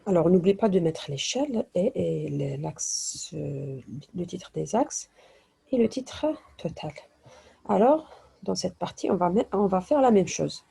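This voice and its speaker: Low, gravelly woman teaching statistics. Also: expressive, measured pace, mellow. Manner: mixes French with Arabic dialect, hesitant restarts. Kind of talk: explaining statistics lesson.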